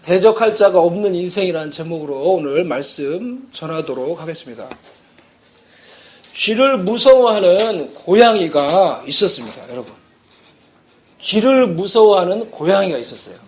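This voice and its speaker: A man's voice: sits high, expressive, normal speed, a little hiss or hum. A man preaching a sermon as pastor, telling a story playfully and laughing often.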